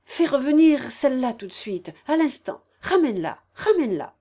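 A woman's voice: mid-range voice, animated, moderate pace, darkish tone, close to an everyday voice. A woman voicing an imperious aging noblewoman who scolds and gives orders in a raised, emphatic voice. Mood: urgent, commanding.

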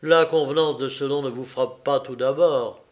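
A man reading a literary novel aloud in a measured, wry and reflective storytelling manner. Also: mid-range voice, steady tone. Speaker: audiobook reader. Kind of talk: literary audiobook narration.

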